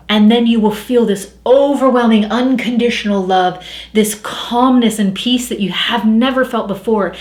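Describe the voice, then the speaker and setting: A woman speaking as a spiritual coach in a casual teaching talk, chatty and animated, acting out inner voices as she explains. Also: fairly high pitch, echoey room.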